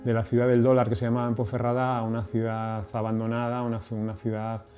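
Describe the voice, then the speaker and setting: Flat, mellow man explaining. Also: mid-range voice, fast talker, faint music behind. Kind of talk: spontaneous explanatory talk.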